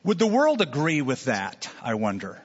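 A man's voice: mid-range voice, wildly swooping pitch, normal speed, husky, long reverb tail, lo-fi sound. A man preaching a sermon as pastor, telling stories and acting out imagined voices to make his point.

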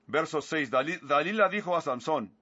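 A man's voice: fairly high pitch, animated, moderate pace, bright, forceful tone, breathy edge, no room sound. A man preaching a sermon, earnestly retelling scripture with asides, on a slightly muffled recording.

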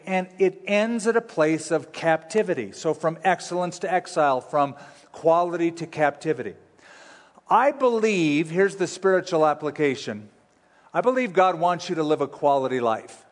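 A man preaches at a pulpit microphone, his voice sitting a little high for a man. He teaches in a relaxed, folksy way with touches of humor. His words ring out with a long reverb through a big church sanctuary. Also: moderate pace. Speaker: pastor. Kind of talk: sermon teaching. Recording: long reverb of a large hall.

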